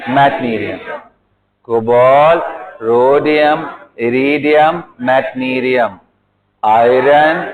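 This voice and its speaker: A male chemistry teacher leads an online lesson, speaking at a slow, deliberate pace. He drills names again and again for his students, addressing them fondly. The audio is narrow and tinny, like a phone line. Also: mid-range voice. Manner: mixes Hindi with English terms, calls students beta.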